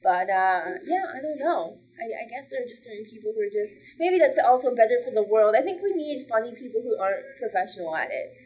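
A woman's voice: on the high side, expressive, a little fast, hardly any pauses, darkish tone, breathy edge, rough recording. A woman stand-up comedian chatting casually as a podcast guest, talking loosely with lots of "like" fillers and frequent laughter.

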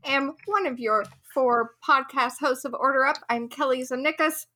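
Bright, giggly woman co-hosting a podcast. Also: sits high, moderate pace. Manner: giggly, leads the conversation. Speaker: podcast co-host. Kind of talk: casual group chat.

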